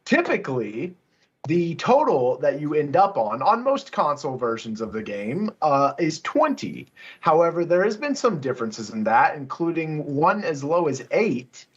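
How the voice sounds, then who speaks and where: A man with a slightly high voice explains game trivia on a podcast. He pauses often and fills gaps with "um" and "uh". The sound is a bit dull and lo-fi. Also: big pitch swings, breathy edge. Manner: explanatory, hesitant with fillers. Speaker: podcast co-host. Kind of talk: casual chat.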